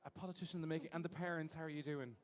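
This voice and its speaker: His crowd work is campy, teasing and full of play as he hosts a live event in a big venue on a handheld microphone. The voice sits a little high, the delivery is rapid-fire, and the intonation stays fairly even against the hall's echo.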